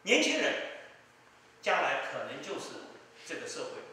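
A man's voice: fairly high pitch, sing-song, normal speed, pushed and bright, slight background noise. A man giving emphatic political commentary, with rhetorical asides to his listener. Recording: distant mic in an echoey room.

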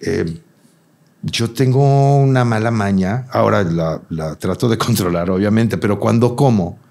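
A Mexican man in his thirties appears as a guest, telling a personal story in a casual chat. His lowish voice is gravelly and unhurried, and as an animated storyteller he acts out the voices and quotes of the people involved.

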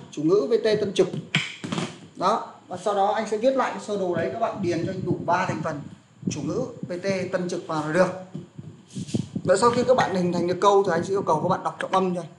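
A young man teaching an English lesson, explaining pronunciation and drilling words aloud, with frequent fillers. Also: high voice. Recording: faint background noise and clicks.

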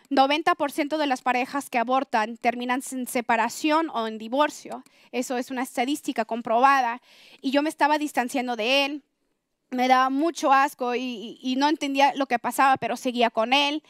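A woman's voice: high-pitched, fairly bright tone, clean tone, dry recording, clean studio sound. A woman giving a personal conversion testimony to an audience, earnest and confessional, growing more intense as she tells it.

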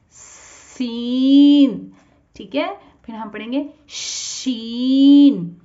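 A woman's voice: on the high side, darkish tone. A woman with a Pakistani Urdu accent teaching children to read letters, patiently repeating each sound and explaining how to shape the mouth. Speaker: teacher of Quran reading for children. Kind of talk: slow spoken lesson, drawing out letter sounds. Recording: dull lo-fi sound.

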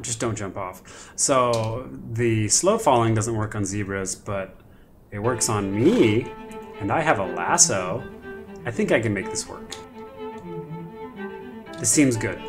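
A man giving jokey, excitable running commentary while playing a video game, swinging between panic and mock grief. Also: on the low side, slow, pauses often. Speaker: gaming commentator. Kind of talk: live gameplay commentary. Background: background music.

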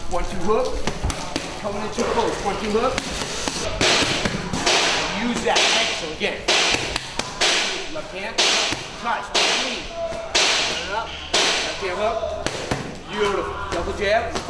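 High-pitched male boxing coach calling combos. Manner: short clipped commands with brief encouragement. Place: open-air boxing gym, in the ring. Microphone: camera mic a few metres away. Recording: echoey open gym, loud background noise.

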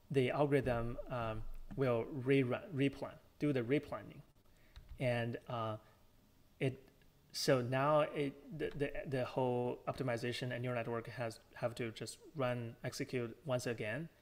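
A man with a tired voice, answering audience questions after an academic talk, halting and thinking aloud. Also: medium pitch. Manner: halting, restarts often with fillers. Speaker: guest speaker.

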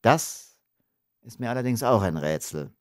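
A man's voice: mid-range voice, animated, measured pace, dry recording, clean studio sound, close to an everyday voice. A man reading an audiobook, voicing a young ranger who holds back his anger with tense restraint. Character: young blond male ranger, barely controlled anger.

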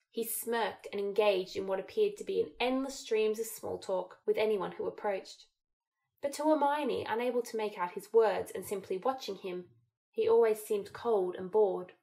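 A woman's voice: mid-range voice, creaky, darkish tone. Woman reading a fan audiobook steadily. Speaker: audiobook narrator.

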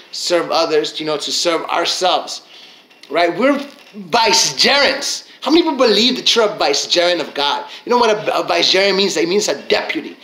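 A man delivers a punchy motivational talk in a high, bright voice. He preaches, repeats his lines for effect and slips into quick acted-out inner voices. The sound carries the echo of a roomy space. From Mexican heritage. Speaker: motivational speaker.

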